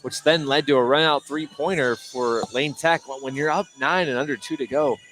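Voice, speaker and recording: An American man with a medium-pitched, slightly bright voice calls a basketball game live on radio at normal speed, describing the action in clipped running phrases. Noisy gym ambience and bouncing basketballs fill the background of the busy gymnasium.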